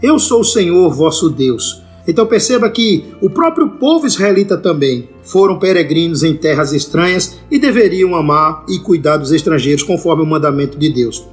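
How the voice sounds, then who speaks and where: A man's voice: on the high side, lively intonation, moderate pace, few pauses, soft background music. A male pastor giving a scripted answer to a listener's question, working methodically through scripture references and speaking straight to the listener. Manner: methodical, addresses the listener directly.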